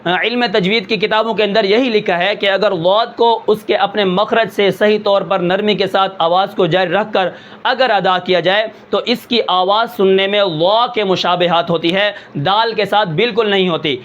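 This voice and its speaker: High-voiced male Quran teacher, lo-fi. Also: fairly even intonation, a bit bright. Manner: patient, explanatory, asks himself rhetorical questions and checks in with "okay"; slows and draws out words to demonstrate sounds. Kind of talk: tajweed pronunciation lesson. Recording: dull, slightly lo-fi sound.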